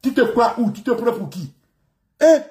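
A man voicing a brash young man speaking French with an Ivorian accent, loud and swaggering. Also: very high voice, expressive, moderate pace, pitched above the performer's own voice. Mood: confrontational.

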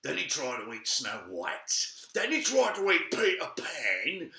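A man voicing a cigar-smoking gingerbread man in a pinstripe suit, with a very low, gruff, drawling voice. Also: wildly swooping pitch, a little slow, sharp tone, reverberant, full character voice. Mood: shifty.

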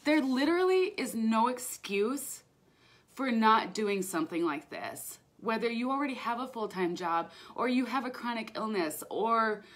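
Tearful, excitable young woman on a livestream. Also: fairly high pitch, normal speed. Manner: emotional, tearful, excitable with frequent laughs and fillers. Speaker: livestream host, direct seller. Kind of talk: casual livestream chat. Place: at home, indoors. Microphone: phone or webcam.

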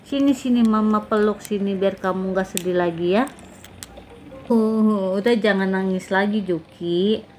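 A woman's voice: a little high, expressive, slight background noise, natural voice. A young woman voicing a stern, scolding mother in a toy game role-play. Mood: comforting. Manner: scolding, bossy, quick to threaten.

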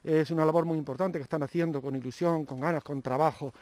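A man's voice: on the high side, steady tone, fast, a little mellow, dry recording. A man interviewing a guest for local television, speaking formally in long, winding sentences. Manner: formal, long-winded phrasing.

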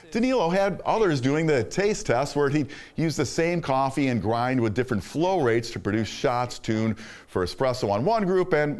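A middle-aged male host reads a scripted voice-over with enthusiastic, upbeat presenter delivery. His voice is medium-pitched and darkish, with a little hiss or hum.

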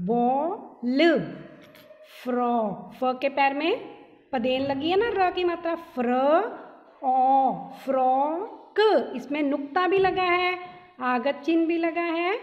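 A woman teaches young children to read, sounding out each letter and syllable one by one. Her voice sits high and moves slowly. The recording is dull and lo-fi, with a long reverb trailing her words. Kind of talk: Hindi phonics lesson for young children.

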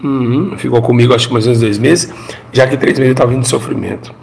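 A man's voice: medium pitch, fairly even intonation, fast talker, gravelly, a little mellow. A middle-aged Brazilian man and former pastor gives an emotional testimony. He tells the story dramatically, repeats his phrases and has the audience repeat after him.

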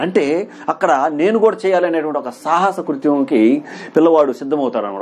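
A man's voice: fairly high pitch, a little mellow, breathy edge. A man in his thirties teaching a lesson, turning each key point into a quiz question and answering it himself. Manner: stresses points with "very, very important". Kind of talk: exam-prep lecture.

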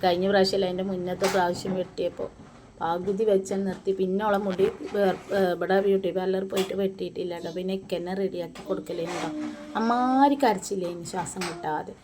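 Fast-talking woman with a Malabar Malayalam accent. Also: lowish voice, steady tone. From Malappuram, Kerala. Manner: chatty, warm tag words at line ends. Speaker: family vlogger, mother. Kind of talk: casual voice-over narration. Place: indoor room, recorded apart from the filmed scenes. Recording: noisy home recording, kids in background.

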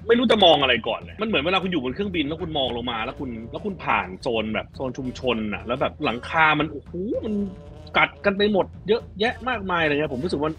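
A man giving a quick, emphatic design critique in a casual panel discussion. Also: on the high side, big pitch swings, a bit bright, soft background music. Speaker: design commentator.

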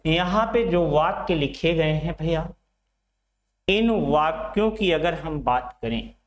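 A middle-aged man teaching Hindi to exam students, repeating phrases, asking questions and answering them himself, and calling his students his children. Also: fairly high pitch. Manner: addresses students fondly as children. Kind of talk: classroom lecture at a board. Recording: echoey room.

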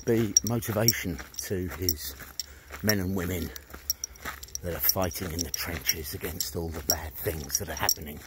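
A low-pitched man at normal speed mocks and swears his way through a one-sided prank phone call. He's among trees outside, headphones on, with the phone held at arm's length to film. The noisy outdoor sound shows it was recorded on a phone.

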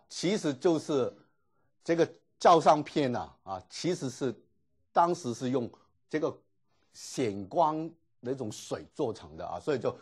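Husky guy lecturing on greek, voice bounces up and down a lot, lots of little fillers. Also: mid-range voice, a little mellow. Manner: explains patiently with many filler particles. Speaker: Greek teacher. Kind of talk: classroom lecture.

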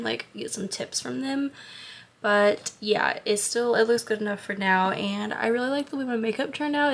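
Young woman, casual vlog, chatty, bubbly, raised pitch, gravelly fry, faint background noise. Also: a bit bright. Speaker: vlogger. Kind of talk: casual vlog talk to camera. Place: bedroom at home, indoors. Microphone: camera at arm's length.

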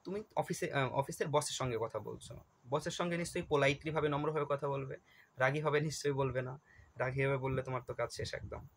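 A male teacher, going through exam questions, reading the English slowly and then explaining them at length. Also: mid-range voice, steady tone, vocal fry, breathy edge, low-quality recording. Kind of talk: exam question walkthrough lesson.

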